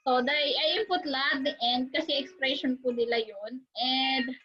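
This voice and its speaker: A woman's voice: high voice, fairly even intonation, moderate pace. A young woman from the Philippines with a Filipino accent, chatting casually in a vlog, giggly and self-deprecating, with lots of fillers. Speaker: vlogger. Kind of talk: casual vlog chat mixing Tagalog and English. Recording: slightly muffled with music playing behind. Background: background music.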